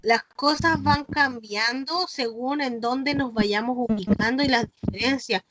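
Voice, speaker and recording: A Chilean woman teaches children over a video call, explaining patiently and checking that the class follows along. Her voice sits high. The line carries clear background noise. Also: measured pace, fairly bright tone, low-quality recording. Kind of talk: online class.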